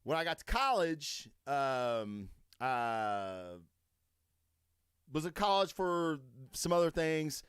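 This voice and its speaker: A man's voice: fairly high pitch, very animated, slow pace, fairly bright tone, clear, resonant tone, no echo, studio quality. A man, hosting a solo podcast and rambling through profane stories while answering his live chat. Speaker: podcast host.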